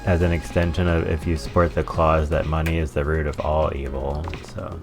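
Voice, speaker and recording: A man's voice: rumbling low, level tone, moderate pace, creaky, music in the background. A man hosting a game playthrough with casual commentary and wry muttered asides. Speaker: gaming playthrough host.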